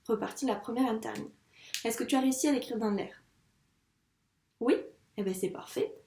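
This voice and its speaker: A primary school teacher, a woman, guiding a young child through a handwriting lesson in a patient, encouraging way, saying each sound slowly as she writes. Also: on the high side, mellow, a little hiss or hum. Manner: says sounds slowly while writing. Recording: echoey room, mic at a distance.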